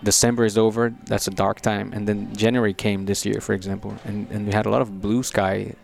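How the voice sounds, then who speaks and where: In this conversational interview, a Brazilian-raised young musician weighs his words, frequently repeating himself as he gropes for the right phrasing. He speaks a little quickly in a low, level voice with some vocal fry.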